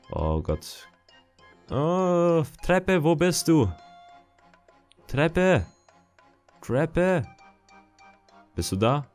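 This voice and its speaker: A young man giving casual, chatty gameplay commentary, muttering and reacting as he plays. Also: fairly low pitch. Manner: chatty, excitable, mutters to himself. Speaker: gaming let's-player.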